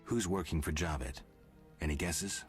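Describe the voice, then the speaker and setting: An actor playing a gruff, stoic warrior for hire in a video game, terse and deadpan. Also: male voice, deep voice, measured pace, faint music behind. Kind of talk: video game dialogue acting.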